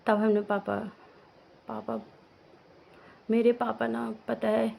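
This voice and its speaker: A woman's voice: on the high side, little pitch movement, slow, vocal fry, a little mellow, a little hiss or hum, poor audio. A young woman vlogger telling a personal story in a casual, rambling way, full of restarts, from her village home. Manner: emotional, rambling with many restarts and fillers.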